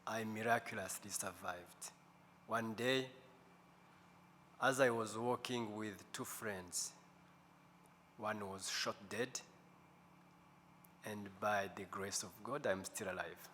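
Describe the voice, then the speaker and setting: A man in his fifties giving a deliberate, slow testimony talk as guest speaker at a church service, pausing often. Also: on the low side, fairly bright tone. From Rwanda. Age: 50s. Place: large church sanctuary. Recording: echoey church hall, faint room noise.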